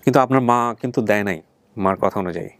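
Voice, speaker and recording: Fast-talking and somewhat low-pitched, this man with a Bangladeshi accent hosts a family reunion show, where his interviews are conversational: he explains things and probes by rephrasing his questions. A faint hiss or hum runs under the recording.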